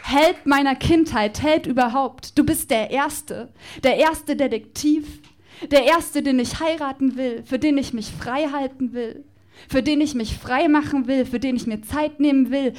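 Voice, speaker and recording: A woman's voice: high voice, a little slow. A woman performing her own comic spoken-word love poem live, with a playful, rhythmic, mock-passionate delivery. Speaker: poetry slam performer.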